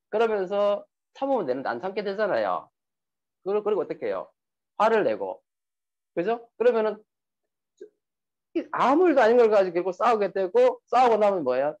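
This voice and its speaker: A man giving a motivational seminar talk who keeps asking his audience questions. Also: high voice. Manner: lively, asks the audience questions. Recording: muffled lo-fi recording.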